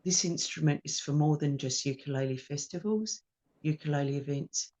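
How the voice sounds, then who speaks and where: A woman with an Australian accent, a ukulele teacher and performer, telling lively anecdotes in an interview and acting out the quotes. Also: deep voice, moderate pace. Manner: animated anecdotes with acted-out quotes. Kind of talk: storytelling in an interview. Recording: dull lo-fi sound.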